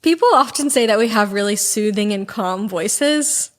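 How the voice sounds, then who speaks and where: A young adult woman co-hosting a casual chat podcast, talking in a chill, easygoing, slightly monotone way. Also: mid-range voice, moderate pace. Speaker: podcast co-host.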